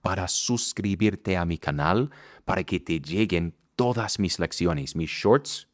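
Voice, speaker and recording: American man, very deep, giving a lesson. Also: lively intonation, no echo, studio quality. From United States. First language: English. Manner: explanatory, repeats model sentences slowly and emphatically. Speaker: English teacher. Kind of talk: online language lesson.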